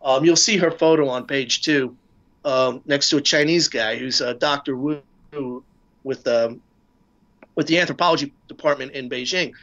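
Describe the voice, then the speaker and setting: A man talking casually as a guest, halting often with fillers and restarts. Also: mid-range voice, a bit bright, lo-fi sound. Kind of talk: casual discussion.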